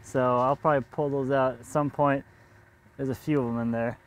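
The sawmill operator, a man in his thirties, speaks briskly at medium pitch with fairly even intonation. He casually explains what he's doing as he cuts a log outdoors in the mill yard, musing aloud and sometimes chuckling.

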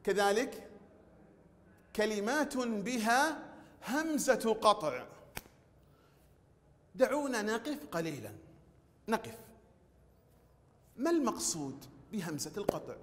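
A man teaching a recorded language lesson, drawing out words slowly and praising the pupils. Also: sits high, very animated, a bit bright. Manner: slow drawn-out pronunciation drills with praise. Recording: long hall reverb.

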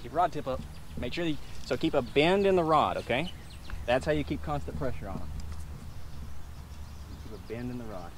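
A man's voice: medium pitch, animated, normal speed, pauses often. A young man hosting a fishing video from a small boat, coaching his wife as she reels in catfish, in a casual, instructive way. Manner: coaching, talks his wife through landing fish. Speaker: fishing channel host. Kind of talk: casual outdoor fishing chat. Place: small boat on a river outdoors. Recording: loud outdoor wind and water noise.

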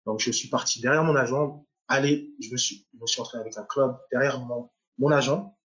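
A young man originally from Nigeria recounts his testimony as a footballer, pitch sitting in an ordinary middle range. He speaks haltingly, repeating words and restarting sentences as he goes. The recording has a slightly dull, muffled tone. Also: steady tone, a bit bright. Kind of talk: personal faith testimony.

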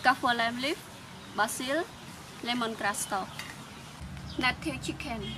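A woman's voice: a little high, slow. A young woman hosting a cooking vlog in an outdoor garden, naming the ingredients one by one in short simple phrases. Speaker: cooking channel host. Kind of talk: slow narrated cooking vlog. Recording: loud outdoor background noise.

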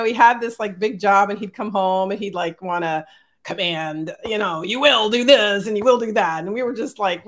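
A middle-aged woman, an executive, telling childhood stories as an interview guest over a video call, animated and laughing often. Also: medium pitch. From born in Germany, raised in Northern California. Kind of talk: casual storytelling.

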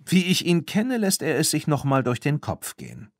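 An easygoing, friendly young boy, voiced by a man reading an audiobook talks in a light, upbeat voice pitched high. The sound is close and dry. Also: wildly swooping pitch, moderate pace, dry recording. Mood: cheerful. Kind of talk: audiobook character voice.

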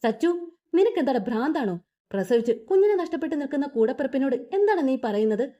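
A tearful middle-aged mother, defensive and pleading, her scolding voice rising and falling in a lively way, as a woman narrator puts her on. The mellow voice comes through a dull, lo-fi recording. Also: high-pitched, a little fast. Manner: scolding then weeping.

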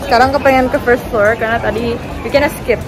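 A woman's voice: fairly high pitch, fairly even intonation, fast, poor audio. A young woman, a vlogger, chatting to viewers through a face mask in a busy shopping mall. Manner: chatty, addressing viewers directly. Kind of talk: casual travel vlog. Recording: loud music and crowd noise behind.

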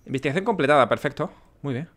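A man's voice: medium pitch, expressive, fast, a bit bright, soft background music. A man with a Spanish accent giving casual gameplay commentary, chatty and muttering to himself and to the game characters. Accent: Spain. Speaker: let's play host.

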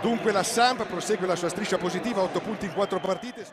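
High-voiced man reporting on football. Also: fast talker, crowd noise. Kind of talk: match highlights commentary. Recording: clear background noise.

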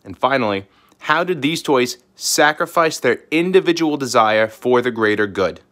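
An upbeat male teacher talks straight to young pupils in a recorded online lesson. His voice sits at an ordinary middle pitch. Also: animated, normal speed, fairly bright tone. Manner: upbeat, talks directly to children.

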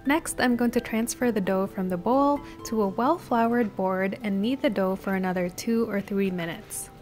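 A woman host calmly narrating a baking recipe step by step as a voice-over. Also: medium pitch, normal speed. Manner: steady step-by-step instructional delivery. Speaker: cooking channel host. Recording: voice-over with music behind.

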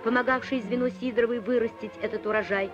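A woman's voice: a little high, fairly even intonation, fast talker, highs cut off, music in the background. A woman narrating a 1960s newsreel in a solemn, declamatory tone, on an old film soundtrack.

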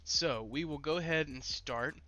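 A man's voice: a little high, moderate pace, bright, forceful tone. A man with a congested, pinched-nose sound from a cold, giving solo rankings commentary as the host. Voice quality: nasal, stuffed-up as if pinching nose. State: congested, getting over a cold. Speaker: host, esports league commentator.

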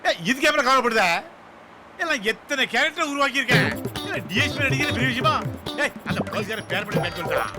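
An actor playing a trickster director who poses as a senior police officer on the phone, boastful and threatening. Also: male voice, extremely high pitch, fast. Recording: film soundtrack with very loud music. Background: loud background music.

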